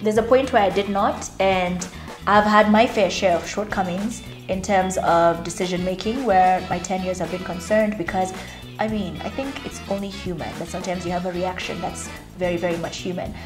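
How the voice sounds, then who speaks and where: A woman's voice: fairly low pitch, fairly even intonation, moderate pace. A woman in her thirties talking candidly to camera about her career, chatty and at times close to tears. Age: 30s. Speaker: media personality and vlogger. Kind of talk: emotional reflective talk to camera. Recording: roomy echo with faint music.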